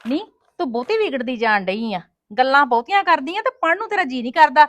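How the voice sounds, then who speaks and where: Woman playing a quick, strict mother. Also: high-pitched, animated, fairly bright tone, no room sound. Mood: scolding. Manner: quick, scolding, then coaxing. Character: strict but loving young mother. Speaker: mother in a family drama. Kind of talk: homemade family drama acting.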